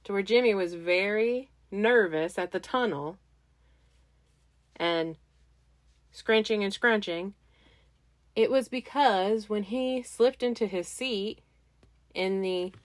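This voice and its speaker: A woman hosting a podcast, telling a funny story in a playful, animated way. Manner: playful, animated, jumps into high squeaky voices. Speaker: podcast host. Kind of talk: casual storytelling.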